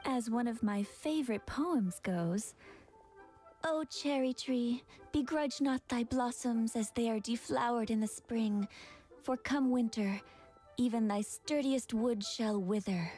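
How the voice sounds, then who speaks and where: Coy, mellow-voiced flirtatious woman. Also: fairly high pitch, slow pace. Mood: amused, flirtatious. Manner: coy, drawling, teasing. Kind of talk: anime video game character acting. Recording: music behind the voice.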